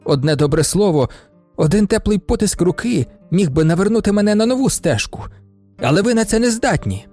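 A man voicing an overwrought, theatrical male swindler who talks in a high, agitated, melodramatic way in a storybook reading. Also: expressive, fairly quick, darkish tone, soft background music. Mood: pleading.

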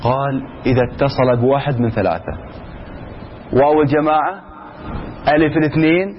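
A man teaching a classroom lesson, quizzing his students and repeating examples slowly. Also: mid-range voice. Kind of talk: classroom lecture with questions to students. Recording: slightly dull recording with faint noise.

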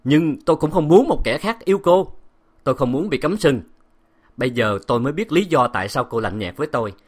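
A man playing a jealous, cruel husband who shouts harsh commands. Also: mid-range voice, big pitch swings, fairly quick, voice pushed up. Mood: furious.

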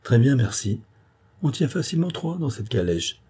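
A man voicing a jolly, mischievous country gentleman in an audiobook, given to mock-dramatic exclamations. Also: mid-range voice, big pitch swings, normal speed, husky, voice pushed up. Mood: cheerful.

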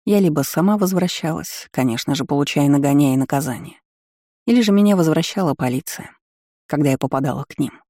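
A man reading a first-person audiobook in measured, even storytelling. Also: on the high side, no room sound, studio quality. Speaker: audiobook reader.

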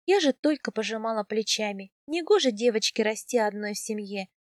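A woman narrating a first-person audiobook in a calm, measured way. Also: a little high, no echo, studio quality.

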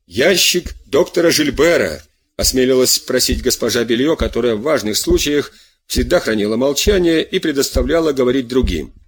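A man reading a novel aloud in an expressive, theatrical narration. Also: mid-range voice, a little fast, husky. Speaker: audiobook reader. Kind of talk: audiobook narration.

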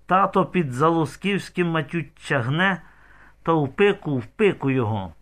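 Man, audiobook narrator, intense dramatic storytelling, bright forceful voice, slightly high pitch. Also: animated, normal speed.

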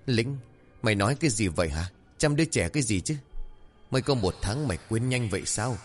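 A man's voice: lowish voice, animated, a little fast, faint music behind. A man voicing a frightened village father who recounts events and pleads urgently. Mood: panicked. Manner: urgent, panicked.

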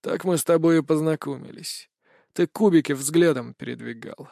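A cold, rasping old schemer sneers through his confession in an audiobook, as a man reads him. The voice sits a little high, and the sound is dry and close. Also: normal speed, dark tone, no echo. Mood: sneering. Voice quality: rasping, scornful. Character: cruel old male high councillor, villain.

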